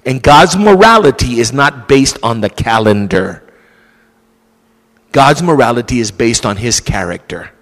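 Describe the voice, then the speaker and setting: Animated preaching man in a big hall. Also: medium pitch, unhurried. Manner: animated preaching, acts out excuses in quoted voices. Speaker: pastor. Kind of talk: sermon.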